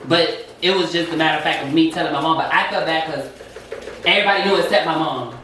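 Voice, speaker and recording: A young man casually telling a personal story while cooking at home, getting animated and jumping up in pitch when he quotes people. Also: quick pace. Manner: animated, jumps up high when quoting people. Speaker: co-host. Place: home kitchen. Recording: echoey room, mic at a distance, faint noise.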